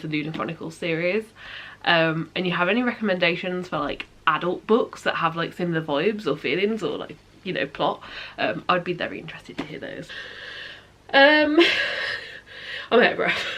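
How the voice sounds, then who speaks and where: A British woman from the UK, a book vlogger, chats casually about her books, rambling and giggling as she goes. Her voice is mid-range and a bit bright.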